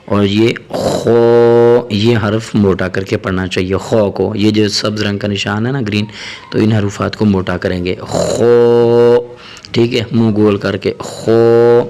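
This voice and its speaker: A man with a Pakistani Urdu accent teaching Arabic letters, drawing out each letter name slowly between quick explanations. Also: fairly low pitch, steady tone, vocal fry, a little mellow. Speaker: Quran teacher. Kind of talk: letter-by-letter pronunciation lesson.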